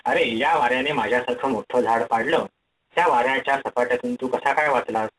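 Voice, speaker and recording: A man's voice: medium pitch, a little fast, a bit bright, natural voice, rough recording. A man reading the lines of a proud big tree that has fallen into a river, asking a question. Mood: puzzled.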